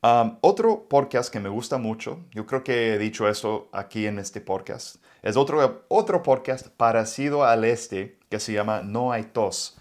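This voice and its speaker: A man from the United States, an English native speaker, hosting a podcast in Mexican Spanish and giving learning tips in a relaxed, casual way full of fillers and restarts. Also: medium pitch, unhurried, hardly any pauses. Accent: American English speaker of Mexican Spanish. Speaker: podcast host.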